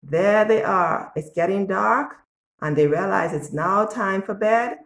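Her mid-range voice moves expressively and deliberately as she reads a picture book to young children, asking them questions along the way. She's a woman in her sixties acting as storyteller, captured by a phone or tablet held at arm's length inside a small, bare-walled room that makes the sound echo.

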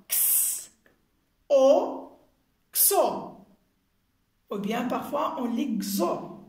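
A woman teacher giving a recorded phonics lesson, slowly spelling out and repeating sounds and syllables. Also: a little high. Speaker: primary school teacher. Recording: echoey room.

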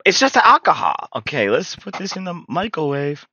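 A man's voice: on the high side, very animated, a little fast, bright, forceful tone, husky, highs cut off. A young man giving casual, joking game commentary in a slangy, profane, playful manner, close on the mic. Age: young adult. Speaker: game streamer. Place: small indoor streaming room.

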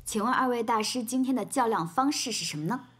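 A woman's voice: a little high, fast, a bit bright, slight background noise, close to an everyday voice. An actress in her twenties playing a friendly, playful young peacemaker in a TV drama. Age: 20s. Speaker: actor in a TV drama. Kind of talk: Chinese TV drama acting.

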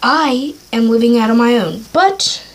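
A woman's voice: on the high side, animated, measured pace. A female speaker narrating a playful homemade toy skit in a chatty, rambling way.

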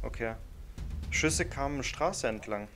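A man's voice: medium pitch, lively intonation, slow, over music. A man chatting casually and in slang with his squad while gaming, as host of the video.

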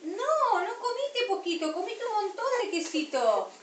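A mother with an Argentine accent talking to her baby at home, coaxing her sweetly and scolding her gently. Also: very high-pitched, sing-song, a little slow. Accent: Argentine Spanish. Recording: roomy, distant, noisy home video.

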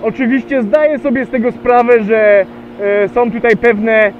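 This is casual riding-vlog narration from a man on a motorcycle outdoors, his high voice fairly even in intonation. He talks chattily yet haltingly, with frequent pauses and little fillers. His helmet mic gives a thin, tinny sound over faint engine and wind.

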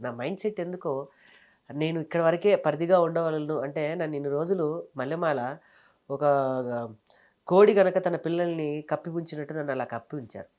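A man in his thirties from Telangana, a comedian and mimicry artist, telling his career story in a casual interview with fast, animated delivery. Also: a little high, highs cut off. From Telangana, India.

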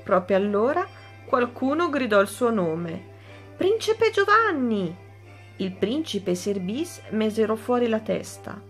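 A woman teacher reading a children's story aloud, slow and clear. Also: mid-range voice, expressive, faint music behind.

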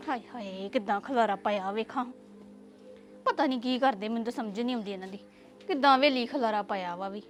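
A high-voiced Punjabi village daughter-in-law, played by a woman in a homemade web drama. She grumbles dramatically to herself, full of exclamations. Faint music sits behind her. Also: brisk, close to an everyday voice. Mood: exasperated.

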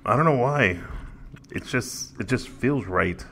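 A man's voice: medium pitch, lively intonation, a little slow, fairly bright tone, a little hiss or hum. A man co-hosting a casual podcast, joking around and often laughing. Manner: giggly, joking, breaks into laughter. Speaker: podcast co-host. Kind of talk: casual chat.

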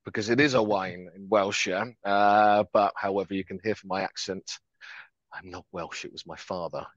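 This French podcast guest speaks from a home office over a headset video call, cheerful and chatty with a self-deprecating streak. His low voice keeps a steady tone at a moderate pace. There's no echo, though the call sound is dull and slightly lo-fi.

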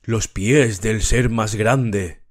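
A man's voice: mid-range voice, drawn-out words, a little mellow. A man voicing a disembodied ceremonial voice that speaks from above, solemn and drawn out, in an audiobook. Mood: hushed.

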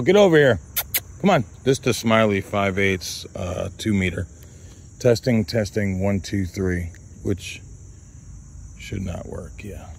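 Recorded on a body-worn camera, a man hosts an outdoor radio range test in an open field, repeating test calls and calling out to his dog. He's a radio hobbyist with a fairly low, creaky voice, and there's slight background noise.

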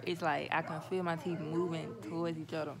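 A woman's voice: low voice, level tone, brisk, a crowd in the background. Chatty woman talking with new braces. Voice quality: talks a little funny with braces. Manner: chatty, talks to viewers as y'all. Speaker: vlogger. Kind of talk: casual vlog update. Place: in a car. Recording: phone recording with clear car noise. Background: car and road noise.

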